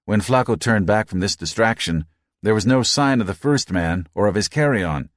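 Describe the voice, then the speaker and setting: Deep male audiobook narrator, dry close mic, steady reading. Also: normal speed, dry recording. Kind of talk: scripted narration.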